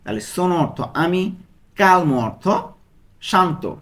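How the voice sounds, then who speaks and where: A man with a Bangladeshi Bengali accent teaching Italian phrases, repeating each one slowly and asking and answering his own questions. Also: sits high, animated, a bit bright. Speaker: language tutor. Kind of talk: Italian lesson taught in Bengali.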